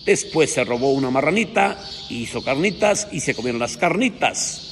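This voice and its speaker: Brief: earthy Mexican preacher telling folksy stories, echoey hall, faint hiss behind. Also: male voice, mid-range voice, lively intonation, normal speed. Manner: colloquial, crude, rhetorical "¿sí?" tags.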